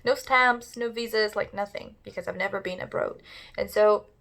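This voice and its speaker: A woman's voice: mid-range voice, steady tone, moderate pace, gravelly, fairly bright tone. A talkative young woman in her twenties from Kazakhstan with a Kazakh accent, English not her first language, chatting casually to camera with lots of fillers and restarts. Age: 20s. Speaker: YouTuber, English learner.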